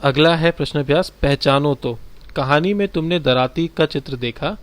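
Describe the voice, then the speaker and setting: There's no echo as a man with a fairly high-pitched voice guides primary schoolers through textbook exercises. He takes each one slowly and explains it directly.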